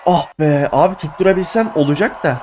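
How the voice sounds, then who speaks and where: A young man giving excitable let's play commentary, exclaiming and groaning at his failures. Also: on the high side, fairly quick, slight background noise. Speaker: gaming YouTuber.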